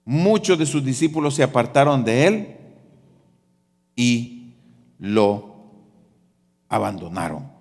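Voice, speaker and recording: A male pastor preaching a sermon, calling on the congregation to repeat after him and rising into loud, emphatic passages. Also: medium pitch, animated, slow pace, long pauses. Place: large church hall. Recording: long church-hall reverb.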